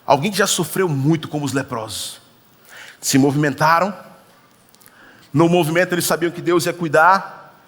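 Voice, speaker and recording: A man's voice: fairly high pitch, normal speed, pauses often, fairly bright tone. A male pastor preaching a sermon, telling a story with acted-out dialogue and humorous asides. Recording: church hall reverb.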